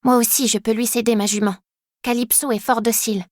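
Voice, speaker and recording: Brief: woman as sweet young girl, pleading, high. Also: steady tone, fairly quick, dry recording, studio quality, close to an everyday voice.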